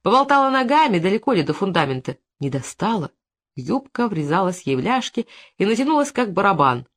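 Woman audiobook narrator, expressive, very lively intonation. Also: mid-range voice, brisk.

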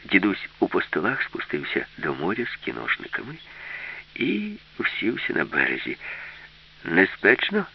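A man narrating a children's science fiction story in an expressive storytelling manner. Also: deep voice, moderate pace, slight background noise. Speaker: audiobook narrator. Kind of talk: scripted narration. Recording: dull lo-fi recording.

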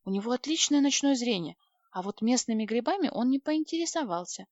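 A shy, courteous alien speaks softly and precisely, a little higher than the reader's own voice, as a woman narrator does him. The sound is dry and close. The recording is slightly dull. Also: expressive, a little fast, dry recording, close to an everyday voice. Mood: polite. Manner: soft-spoken, courteous, precise. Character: polite shy alien male, modest and precise.

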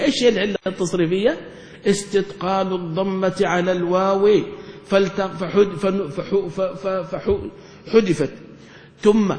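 A man teaching grammar to a class, asking quick questions and answering them himself. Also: high-pitched. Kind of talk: classroom lesson explaining grammar. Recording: echoey hall recording.

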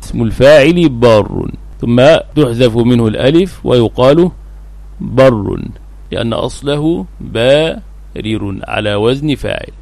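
A man teaching as a sheikh, explaining a classical text in a recorded lesson and repeating words slowly for emphasis. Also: mid-range voice, expressive, gravelly, darkish tone, no echo.

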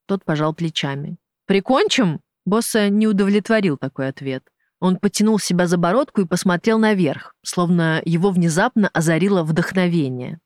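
An audiobook narrator reading a dramatic novel in a measured, even way. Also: medium pitch, no room sound, studio quality. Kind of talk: scripted narration.

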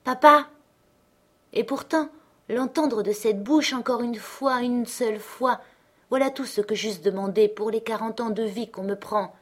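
A woman narrating a classic novel as an audiobook, expressive and dramatic, slowing down on key phrases. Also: fairly high pitch. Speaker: audiobook reader.

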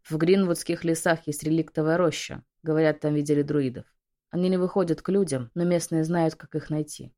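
A woman reading an audiobook, voicing a devoted male dragon general in a low, husky, hushed voice. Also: steady tone, fairly quick, natural voice. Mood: tender. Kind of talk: audiobook character voice.

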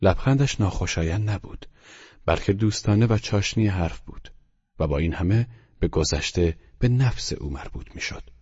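A man narrating an audiobook in a calm, measured storytelling voice. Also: low-pitched, breathy edge, lo-fi sound. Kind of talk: scripted narration.

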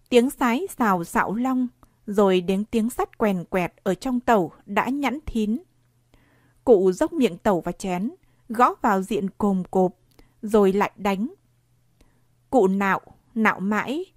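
A woman narrating a short story in a slow, deliberate reading. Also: medium pitch, darkish tone, no echo, clean studio sound.

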